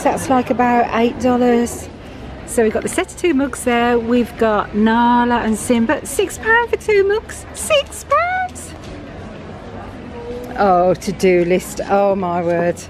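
A middle-aged British woman vlogging from a big store, chatting excitedly about items and their prices. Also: a little high. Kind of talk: shopping vlog walkthrough. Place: large busy store indoors. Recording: store music and crowd noise behind.

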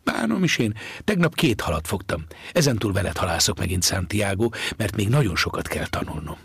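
A man voicing a devoted, tearful young fisher boy, his voice pitched up and softly whispered. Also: big pitch swings, creaky, slightly rough, dry recording, exaggerated voice. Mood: earnest. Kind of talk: audiobook character voice.

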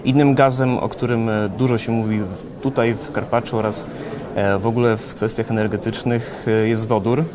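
A young man interviewing a guest at a conference, asking brisk questions with filler hesitations. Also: lowish voice, level tone. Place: conference interview stand, indoors. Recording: busy crowd chatter behind.

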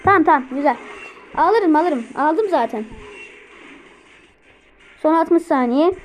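A high-pitched woman commenting on her own game live, urging her units on and calming herself down. She repeats words in quick bursts while faint game music plays under her voice. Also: rough recording. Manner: excitable, talks to herself while playing. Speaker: gameplay streamer.

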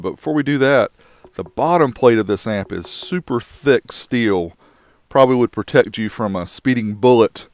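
A man's voice: on the low side, dry recording, clean studio sound. Wry man reviewing car audio gear. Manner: wry, joking asides. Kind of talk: casual voice-over product review.

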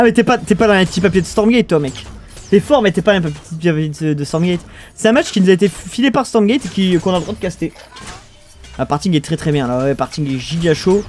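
A young man with a French accent and a slightly high voice casts a strategy game live. He rambles and banters with his viewers, stumbling over restarts, with faint music in the background. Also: a little mellow. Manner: chatty, banters with chat, trails off and restarts. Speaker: esports caster. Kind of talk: casual live game commentary.

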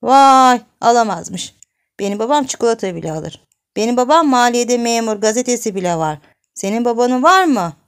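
A woman voicing a bratty little boy who brags and taunts in a high, childlike voice. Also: lively intonation, moderate pace, clean tone. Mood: bragging. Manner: taunting, bragging.

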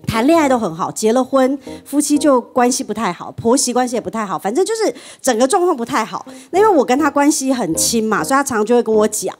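A woman on a TV talk show panel telling a story and acting out the people in it. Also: a little high. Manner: animated storyteller, acts out quoted friends. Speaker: panel guest. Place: TV studio.

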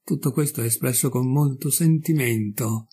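A man voicing a calm, courteous and otherworldly male visitor with polite sternness. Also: mid-range voice, moderate pace, breathy edge, close to an everyday voice. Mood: cool.

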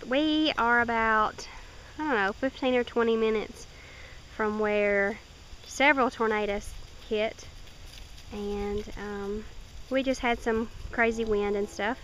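A woman's voice: a little high, steady tone, takes it slowly, a bit bright, rough recording. A woman giving a rambling, chatty walk-around tour of her small farm outdoors, speaking into a handheld camera. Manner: rambling, chatty, with many fillers and restarts. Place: outdoors on a wooded farm by rabbit hutches. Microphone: handheld camera mic, filming herself off camera. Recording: faint outdoor noise.

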